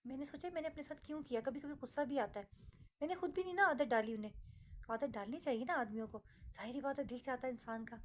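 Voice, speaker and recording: A middle-aged woman with a Pakistani Urdu accent talks to her viewers in a casual vlog, earnest and advising, and she comes back to the same points again and again. Her voice sits a little high. A faint hiss runs under the recording. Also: a little mellow. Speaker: vlogger. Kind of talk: casual personal talk to viewers.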